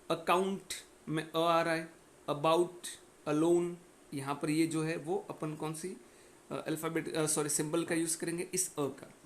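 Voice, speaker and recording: A man teaching a phonetics lesson. He explains step by step, checks in often with his listeners and reads example words out one at a time. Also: high-pitched.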